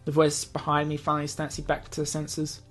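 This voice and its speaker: Over game background music, a woman with a low, monotone voice reads a visual novel aloud fairly quickly. Her narration is amateur and offhand, and she sometimes stumbles over words and re-reads them.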